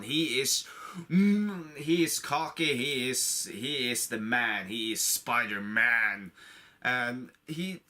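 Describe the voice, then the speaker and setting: His mid-range voice comes across pushed and bright. Still shaking off a cold, this online video creator gives a loose, unscripted movie review to camera, an enthusiastic fan who keeps rambling and repeating himself.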